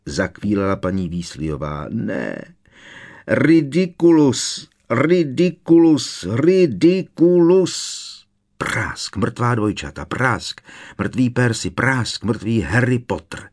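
A man reading a fantasy novel aloud as an audiobook narrator, in measured, dramatic storytelling. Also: fairly low pitch. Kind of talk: scripted narration.

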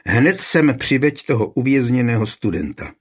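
A man voicing a cool, commanding high royal official questioning a suspect in a historical storybook reading. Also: lively intonation, breathy edge. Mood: stern, calm. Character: stern calm high royal official, middle-aged man.

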